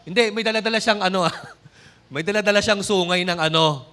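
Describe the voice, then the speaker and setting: A man's voice: high voice, brisk, bright, forceful tone. A man with a Filipino accent preaching a sermon, switching between Tagalog and English and often addressing the congregation directly. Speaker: pastor.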